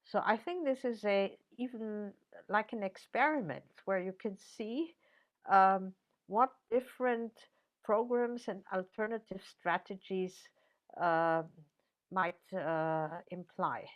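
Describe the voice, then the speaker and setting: A mid-range voice belongs to an older woman professor being interviewed, answering carefully with many fillers and false starts.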